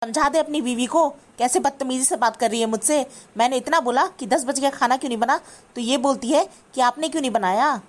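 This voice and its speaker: A woman's voice: high-pitched, fairly quick, close to an everyday voice. A woman voicing a bossy, scolding older mother-in-law in a cartoon. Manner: scolding, complaining. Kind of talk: cartoon voice acting.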